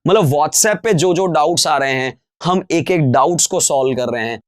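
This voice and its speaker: A man teaching English grammar in an online lecture, explaining in Hindi, slowing down to read English examples, and addressing his viewers as friends. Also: on the high side, no echo, clean studio sound.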